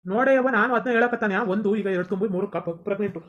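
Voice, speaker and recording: A woman's voice: mid-range voice, very fast, highs cut off, voice pushed down, lightly acted. A woman voicing a quarrelsome young husband who complains in a North Karnataka Kannada accent. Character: young husband Shankar, hotheaded son.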